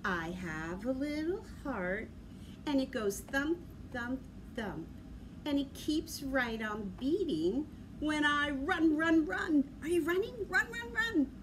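In this sing-along and rhyme session, the woman speaks slowly and expressively in a high voice, guiding little ones with gentle, upbeat directions. She's middle-aged and leading action songs indoors in a library room lined with big windows. The audio comes from a camera a few feet off, and the room noise is clearly audible.

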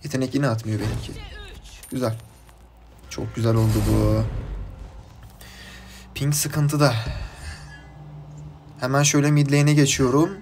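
A man from Turkey commenting casually on his mobile game match, chatty and rambling from topic to topic, with bursts of excited shouting at his teammates. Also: medium pitch, a little slow, long pauses, noisy background. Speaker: gaming YouTuber.

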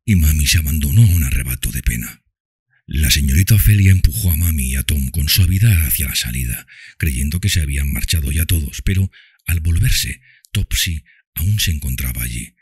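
Male audiobook reader: very deep, gravelly, husky, dry close sound. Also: lively intonation, a little fast, darkish tone, no echo. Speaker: audiobook narrator. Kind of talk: scripted audiobook narration.

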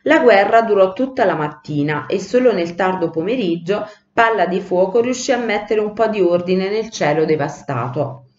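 A woman teacher reading a children's storybook aloud in an animated way, in a roomy, lo-fi recording. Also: mid-range voice, moderate pace, hardly any pauses, a little hiss or hum. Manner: animated, acts out the voices. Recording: roomy, dull lo-fi sound.

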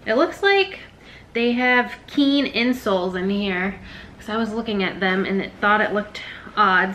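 A woman's voice: medium pitch, pushed and bright, a little hiss or hum, rough recording. A young woman chatting casually through a resale haul vlog, rambling and self-deprecating. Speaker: reseller vlogger.

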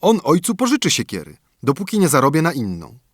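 A man's voice: a little high, huge pitch swings, brisk, no room sound, clean studio sound, voice pushed up. Man doing a bold young lad. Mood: earnest. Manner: raised, bright, earnest voice. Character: bold, clever young male student, a son.

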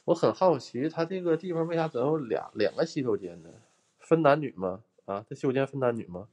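A man's voice: medium pitch, lively intonation, a little fast, a little mellow, husky. A young man, livestreaming a ghost hunt indoors in an abandoned house. He chats and jokes with his viewers and flares up in mock anger, speaking into a handheld phone. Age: young adult. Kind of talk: casual livestream chat.

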